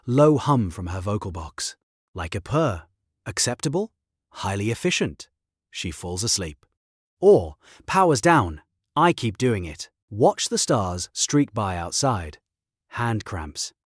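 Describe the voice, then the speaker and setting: Husky man narrating in clipped bursts. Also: lowish voice, big pitch swings, slow pace, no echo, studio quality. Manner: clipped terse sentences. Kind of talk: greentext story narration.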